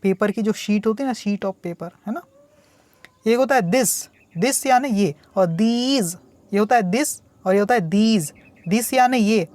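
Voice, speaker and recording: A male teacher with a rather high voice explains English vocabulary to a student. He works patiently and repetitively, posing questions and answering them himself, and slows right down to read English examples. The sound is dry and close, with no room echo. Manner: speaks slowly when reading English examples aloud. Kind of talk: tutorial on English words, explained in Hindi.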